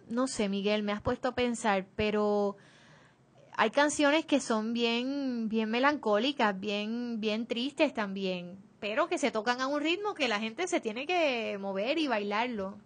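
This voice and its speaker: A woman from Puerto Rico with a Caribbean Spanish accent, speaking reflectively and hesitantly as an interview guest. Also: a little high. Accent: Puerto Rican Caribbean Spanish. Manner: hesitant, anecdotal.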